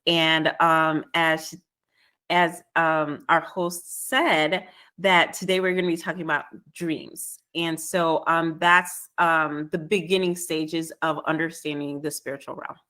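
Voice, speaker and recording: A woman from Trinidad, a spiritual alignment coach, answering interview questions in a measured way with frequent ums. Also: low voice, little pitch movement, pushed and bright. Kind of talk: podcast guest interview.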